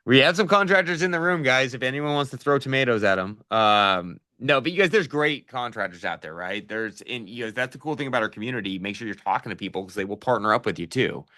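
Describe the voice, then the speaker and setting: Casual man coach, middle-aged, bright forceful tone, direct and practical. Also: mid-range voice, lively intonation, fast, hardly any pauses. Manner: casual, addresses listeners as "you guys"; direct practical advice with fillers. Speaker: real estate investing coach. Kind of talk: live online coaching session.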